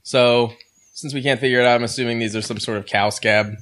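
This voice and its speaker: A man's voice: medium pitch, steady tone, fairly quick, fairly bright tone. A man co-hosting a casual snack review, making dry, wry remarks.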